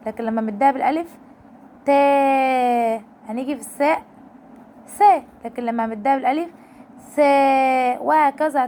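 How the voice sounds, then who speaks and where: A woman's voice: high-pitched, a little mellow, slight background noise. A woman with an Egyptian Arabic accent teaching a reading lesson to parents, explaining patiently and stretching out syllables to demonstrate.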